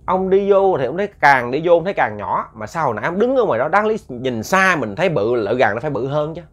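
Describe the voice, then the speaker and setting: A man's voice: on the high side, fast. Man telling a ghost story. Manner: animated, repeats words for suspense, addresses listeners. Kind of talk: casual spoken storytelling. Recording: muffled lo-fi recording.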